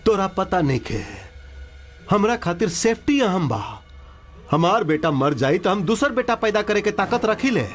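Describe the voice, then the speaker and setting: A man's voice: high-pitched, big pitch swings, moderate pace. An amateur actor playing a cruel, mocking male gang boss who taunts and threatens. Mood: taunting. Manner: taunting, gloating. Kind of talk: amateur spoof film acting. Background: background music.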